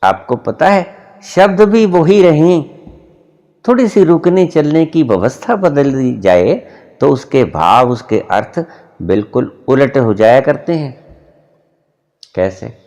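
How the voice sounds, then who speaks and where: A middle-aged man preaches in an unhurried, deliberate way. His pitch rises and falls over a wide span as he stresses key words. It has the measured pacing of a spiritual discourse. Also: animated, darkish tone. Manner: slow, deliberate, rising and dropping sharply for emphasis. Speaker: spiritual teacher.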